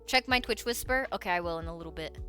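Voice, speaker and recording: A woman's voice: fairly low pitch, quick pace, pushed and bright, faint music behind. A woman streamer in casual live-stream chat, playful and giggly, swearing freely.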